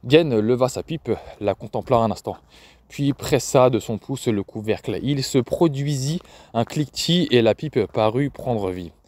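A man narrating a novel in a measured, even reading voice. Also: mid-range voice. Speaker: audiobook reader. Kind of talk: scripted narration.

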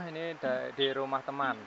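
A man of middling pitch talks casually over a dull phone line with faint hiss. His replies are short and hesitant, often little more than murmurs. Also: moderate pace, vocal fry, fairly bright tone. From Central Java, Indonesia. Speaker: call recipient playing along with a scammer. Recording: hissy, muffled telephone line.

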